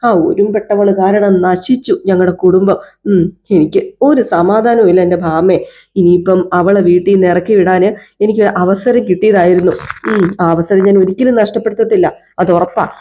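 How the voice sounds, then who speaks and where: A woman's voice: medium pitch, fairly even intonation, normal speed, mellow, lightly acted. A woman voicing a bitter, scheming older mother-in-law who talks indignantly and swears she will drive someone out. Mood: resentful. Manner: indignant, vowing.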